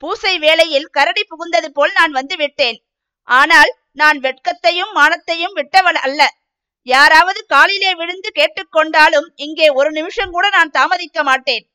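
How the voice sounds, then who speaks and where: A flustered young village farmer defends himself and pleads to be believed, voiced by a woman reading a storybook. The voice stays high and bright, with little lowering for the man. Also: moderate pace. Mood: defensive.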